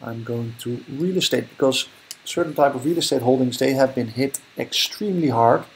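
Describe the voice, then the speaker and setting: A young Dutch man from the Netherlands, an investing vlogger, talks casually over a screen recording, thinking aloud and correcting himself. His voice is mid-range with a breathy edge, his speed normal, and his Dutch accent clear.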